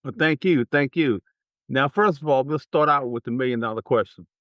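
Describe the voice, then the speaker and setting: A man's voice: medium pitch, brisk, a bit bright, no room sound, clean studio sound. A man hosting his podcast, reading a formal guest introduction and then asking questions in an upbeat, encouraging way. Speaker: podcast host. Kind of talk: interview hosting.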